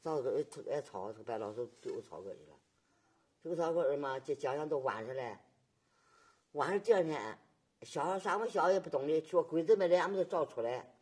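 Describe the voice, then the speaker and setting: A woman, recounting her memories in halting, repetitive testimony and often asking her listener whether they follow. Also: deep voice, expressive, darkish tone, slightly rough. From Nanjing, China. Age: 80s. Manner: halting, repetitive storytelling with frequent tag questions. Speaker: survivor giving testimony. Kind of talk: oral history testimony.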